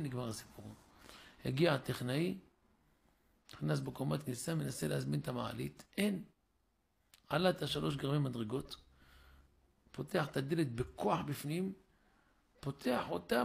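A man's voice: vocal fry, husky. A man, a rabbi, giving a sermon in a synagogue and telling a story, acting out its dialogue with rising and falling voice. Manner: acts out the story's dialogue with shifting pitch and loudness. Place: synagogue, live stream.

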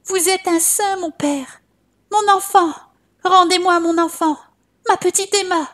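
A woman voicing a grieving young mother who pleads in high, desperate cries. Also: steady tone, a little slow, a bit bright. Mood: anguished.

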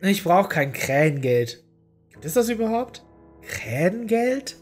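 Story narrator: woman with a lowish voice, even and deadpan, faint music bed. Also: measured pace, slightly rough. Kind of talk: audio horror story reading.

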